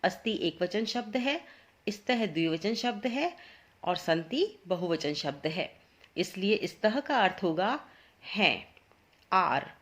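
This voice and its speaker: Slow, patient woman teacher. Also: medium pitch, animated. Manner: patient, repeats each word slowly for students. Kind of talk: explaining a school lesson.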